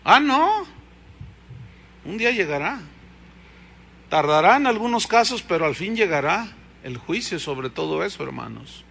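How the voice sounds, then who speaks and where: A male pastor with a Mexican Spanish accent, preaching a sermon with animated storytelling, reading scripture aloud and asking the congregation questions. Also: on the high side, normal speed, gravelly, a little hiss or hum.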